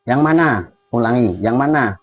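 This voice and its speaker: A man with an average-pitched voice argues in a live online interfaith debate. He cuts in often to correct his opponent. He repeats short replies in rapid bursts. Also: lively intonation.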